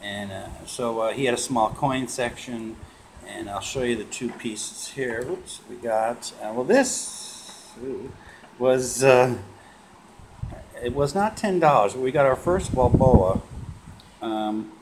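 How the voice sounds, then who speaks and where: A man showing off his coin purchases in a casual vlog, relaxed and rambling, with lots of filler sounds. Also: mid-range voice, takes it slowly. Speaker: coin collecting vlogger. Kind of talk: casual show-and-tell vlog. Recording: noisy home video recording.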